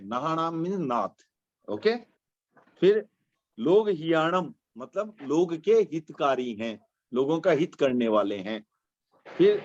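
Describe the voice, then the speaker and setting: Guy teaching a prayer slowly, bit high voice, dull lo-fi class recording, asks himself questions. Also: dry recording. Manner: asks and answers his own questions; mixes English words into his explanation. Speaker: religion teacher. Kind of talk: explaining a prayer text line by line.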